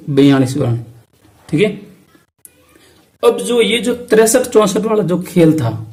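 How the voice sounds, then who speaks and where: A man's voice: sits high, darkish tone. A man teaching an exam-prep lesson with a Rajasthani Hindi accent, asking questions and answering them himself. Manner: repeats key terms slowly.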